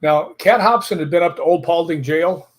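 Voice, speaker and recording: A man's voice: on the high side, normal speed. A man chatting as a guest, telling stories at length and acting out what others said. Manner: storytelling, quotes others in lively asides. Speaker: podcast guest. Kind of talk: casual chat.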